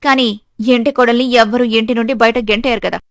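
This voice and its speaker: Woman as a meek cartoon daughter-in-law, earnest, fairly high voice, dry. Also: fairly even intonation, quick pace, no echo, lightly acted. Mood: defiant. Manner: earnest, pleading. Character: meek but steadfast young daughter-in-law. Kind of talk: animated storybook voice acting.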